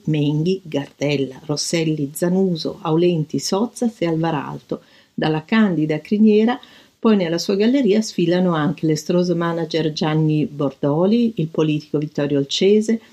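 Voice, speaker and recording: Reflective older Italian-speaking woman, mellow voice. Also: lowish voice, lo-fi sound. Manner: thoughtful, with hesitations and fillers. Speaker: design commentator recalling an artist. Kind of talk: reflective talk with read-aloud passages.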